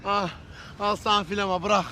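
A man's voice: high-pitched, little pitch movement, moderate pace, bright, forceful tone, a little hiss or hum. An actor playing a worn-out young male conscript in a TV sitcom who grumbles wearily. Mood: weary. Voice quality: weary grumbling. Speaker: soldier.

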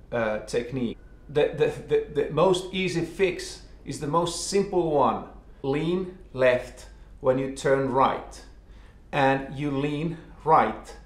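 A man in his forties giving an instructional explanation as a ski instructor, halting and often repeating and rephrasing his words, recorded indoors in a living room. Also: a little high. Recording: echoey room.

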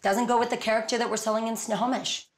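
A woman co-hosting a home renovation show talks through a house under renovation indoors, casual, upbeat and decisive as she chats on site and narrates. Her voice is a little high, her delivery flat, and she talks fast.

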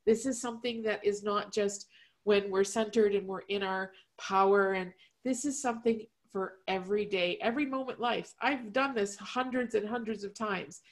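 A woman's voice: mid-range voice, steady tone, moderate pace. A woman on a video call sharing a heartfelt personal story in an earnest, emotional way. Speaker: team leader sharing at a healing session.

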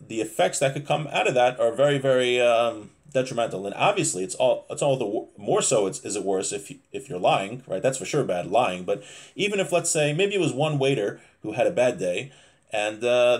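Reading aloud and commenting along the way, a religious teacher in his thirties with an American accent leads a relaxed Torah lesson indoors in a small home room. His explanations are conversational and peppered with check-in tags, delivered in a fairly low, somewhat mellow voice.

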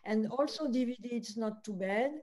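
A woman's voice: on the high side, darkish tone. A woman film producer with a French accent, speaking non-native English in a festival Q&A, hesitating often as she searches for words. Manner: halting, searching for English words, many uhs. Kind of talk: festival Q&A conversation.

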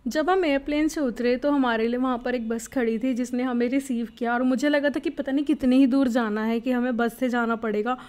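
With a high voice, a young woman travel vlogger narrates her first flight, excited and reflective, mixing in English words.

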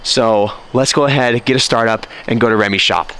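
Young American man with a smoker's rasp. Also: medium pitch, steady tone, brisk. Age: 20s. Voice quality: raspy, hoarse smoker-like voice. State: lingering cold. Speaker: car vlogger. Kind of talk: casual vlog chat to camera. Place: outdoors, in a car and in a large garage workshop. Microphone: handheld camera at arm's length. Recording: noisy vlog audio with car ambience.

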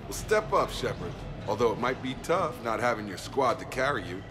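An actor playing a confident, playfully competitive space soldier with a teasing manner in a video game. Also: male voice, mid-range voice, big pitch swings, moderate pace, over music, close to an everyday voice. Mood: cocky, teasing. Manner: teasing trash talk.

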